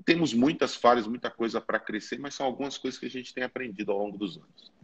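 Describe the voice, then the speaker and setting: Husky pastor, earnest teacher. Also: male voice, medium pitch, fast talker, dull audio. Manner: earnest, explaining step by step. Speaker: pastor and musician. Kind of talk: teaching in a conversation.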